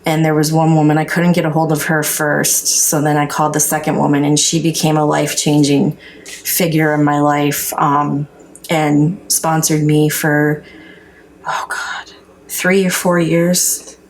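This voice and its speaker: A woman's voice: low voice, monotone, moderate pace, slight background noise, poor audio. A woman with a North Dakota accent talking frankly and earnestly in a casual chat, sharing personal testimony as a guest, with some salty language. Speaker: podcast guest sharing recovery story.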